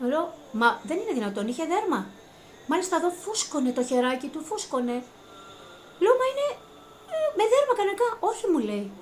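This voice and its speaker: High-voiced woman, earnest personal testimony, climbs into excited retelling; light room ambience. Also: slight background noise. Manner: earnest, rising to high-pitched excitement when reliving events. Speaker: vlogger recounting a personal experience.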